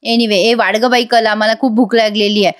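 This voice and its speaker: A woman's voice: fairly high pitch, steady tone, normal speed, lightly acted. A woman reading out the lines of a brash, insolent young pregnant woman in a TV serial recap. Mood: snappy. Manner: snappish, loud, insolent.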